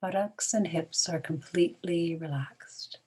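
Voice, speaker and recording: Speaking as a meditation guide, a woman takes listeners through a relaxation in a quiet, calming manner. She leaves lengthy gaps between brief phrases, and her fairly low, breathy voice fades off toward a whisper.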